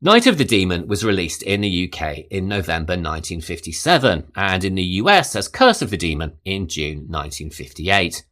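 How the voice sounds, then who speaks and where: Speaking as a podcast host, a man reads scripted commentary on film. His voice is very deep yet bright at the edges, and his careful, articulate delivery uses animated pitch movement to stress every point.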